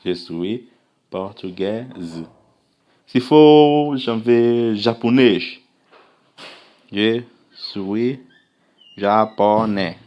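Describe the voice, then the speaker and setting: A man's voice: medium pitch, muffled recording. A man from Africa giving a casual language lesson, patiently repeating and drawing out example phrases and often checking that listeners are following. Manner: patient, repetitive, checks understanding with "tá vendo?"; slowly drawn-out example phrases. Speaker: language teacher.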